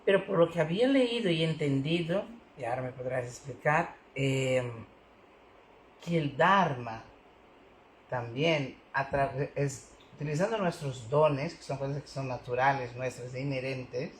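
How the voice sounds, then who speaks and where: A man's voice: mid-range voice, a little slow, echoey room, slight background noise, poor audio. A man interviewing, often interjecting short affirmations and asking thoughtful questions. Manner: frequent brief affirmations, supportive interjections. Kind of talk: conversational interview.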